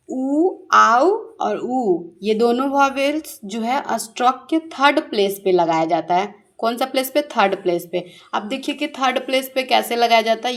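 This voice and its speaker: A woman teacher goes through a shorthand lesson step by step. She asks her pupils a question, then answers it herself, and draws out each key word slowly so they can follow. Her voice sits at an ordinary middle pitch. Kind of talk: classroom-style shorthand lesson.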